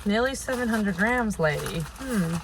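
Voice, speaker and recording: A woman's voice: mid-range voice, expressive, a little slow. A young Australian woman chats casually and ramblingly to viewers, recorded on a phone camera inside a car. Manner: chatty, informal, rambling. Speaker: vlogger. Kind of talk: casual vlog chat to viewers. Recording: noisy phone camera audio.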